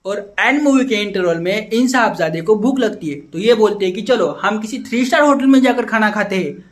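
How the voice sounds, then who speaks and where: In a Hindi comedy sketch, a man with a high-sitting voice plays a frustrated young boyfriend. Talking a little fast, he rants and badgers his friend with the same questions over and over.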